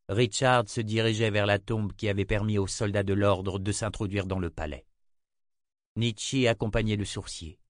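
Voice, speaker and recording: Deep-voiced man reading an audiobook. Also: dry recording, studio quality. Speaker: audiobook reader. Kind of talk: scripted fantasy narration.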